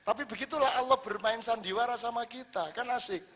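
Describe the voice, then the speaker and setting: A man preaching to a live audience, lively and full of rhetorical questions. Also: very high voice, quick pace. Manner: lively, rhetorical questions, acts out quoted lines. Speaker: Islamic preacher. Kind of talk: religious talk to a live audience. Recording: reverberant hall.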